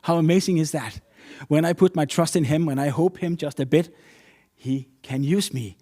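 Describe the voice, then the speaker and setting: A man's voice: a little high, moderate pace, dark tone. Earnest man preaching a sermon. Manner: earnest, storytelling with non-native English phrasing.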